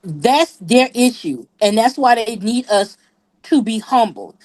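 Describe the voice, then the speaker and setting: A woman with a fairly high voice, speaking her mind in a casual live group chat. She is blunt and profane, and she leans on repetition to hammer each point home. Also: lively intonation, measured pace, darkish tone. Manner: emphatic, blunt and profane, repeats for stress. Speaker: panelist.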